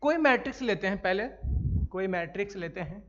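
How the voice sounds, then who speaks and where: In a dull lo-fi classroom recording, a man whose voice sits high and sounds a bit bright delivers a maths lecture at a brisk pace with lively intonation. He keeps asking and answering his own questions, repeats the main points, calls his students "sir" and "bhai", and coughs occasionally.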